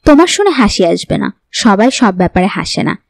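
A woman's voice: mid-range voice, very animated, moderate pace, gravelly, no echo. A woman voicing a young pregnant wife who is oddly cheerful. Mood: cheerful, teasing.

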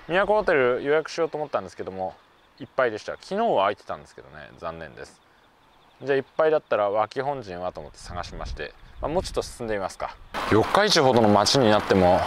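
A man's voice: mid-range voice, background noise. Chatty man musing aloud on camera. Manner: chatty, musing aloud, polite with casual asides. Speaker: travel vlogger cycling the old highway. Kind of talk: casual on-camera travel narration. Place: outdoors on streets, later a hotel room.

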